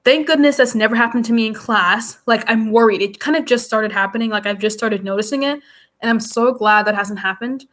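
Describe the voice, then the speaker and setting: A woman's voice: on the high side, a little fast, a bit bright. A young adult woman chatting casually to viewers in a rambling, giggly way, close to a computer mic at home. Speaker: vlogger.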